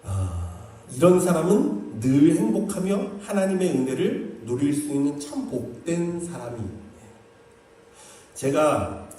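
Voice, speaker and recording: A male pastor preaching a sermon in an animated way, sometimes quoting God in a fatherly voice. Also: fairly high pitch, slow. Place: church sanctuary. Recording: echoey church sanctuary, mic at a distance.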